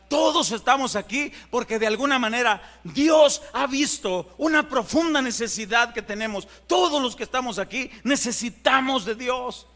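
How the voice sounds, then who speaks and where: In a church sanctuary, a male pastor with a Mexican Spanish accent preaches an impassioned sermon that builds to emphatic climaxes. His voice is extremely high, bright and forceful, and the hall adds a long reverb.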